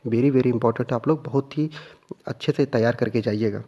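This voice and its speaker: Speaking at normal speed in a warm, medium-pitched voice, a man gives an exam revision lesson. He quizzes listeners with questions that he then answers, returning to the key points over and over.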